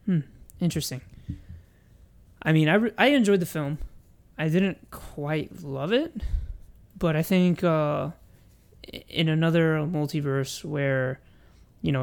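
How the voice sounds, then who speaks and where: A young man with a fairly high voice and a lot of vocal fry co-hosts a podcast. He speaks informally, as in a casual conversation about films. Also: normal speed, long pauses. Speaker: podcast co-host. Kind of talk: casual film chat.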